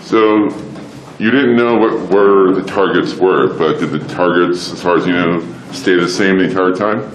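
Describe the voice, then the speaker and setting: A man's voice: low-pitched, moderate pace. A man casually asking questions as a tour visitor, his voice echoing inside a silo. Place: echoing underground missile silo.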